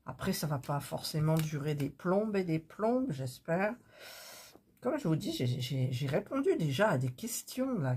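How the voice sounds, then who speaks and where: Chatty low-voiced woman crafting at her desk. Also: darkish tone, a little hiss or hum. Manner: chatty, self-interrupting, easily flustered. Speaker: craft channel host. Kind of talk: casual chat while crafting. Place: home desk.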